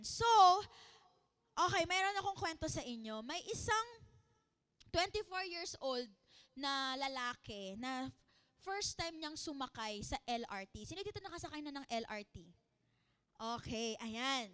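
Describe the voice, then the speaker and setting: Filipina youth pastor in her 20s, high bright voice, joking around and telling a story to the crowd. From Philippines. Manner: playful, jokes with the crowd, shouts the punchlines. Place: church youth service hall.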